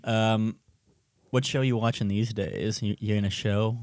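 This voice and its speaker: A man's voice: lowish voice, fairly even intonation, unhurried, a little mellow, no echo. A young man co-hosting a podcast, telling stories in a rambling, casual way. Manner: rambling, trails off and restarts. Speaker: podcast co-host. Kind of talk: casual chat.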